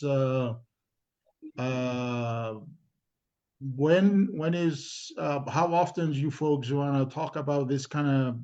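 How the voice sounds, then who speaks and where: A man with a Tongan accent speaking informally on a community live discussion in a halting, deliberate, repetitive way. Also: on the high side, a little mellow. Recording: dull lo-fi stream audio.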